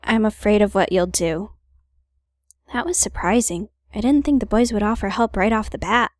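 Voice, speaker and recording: A woman reads visual novel narration aloud as a gaming host, slipping in wry, playful comments. Her pitch is average and the recording is close and dry. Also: normal speed, no room sound.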